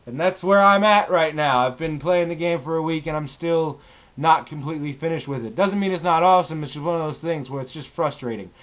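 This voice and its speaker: A man with a somewhat high voice speaks as a gaming vlogger. He addresses viewers casually, with emphatic, showy delivery and plenty of casual swearing. The sound is slightly dull and lo-fi. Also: a little fast, fairly bright tone. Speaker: gaming channel host. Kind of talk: casual vlog monologue to viewers.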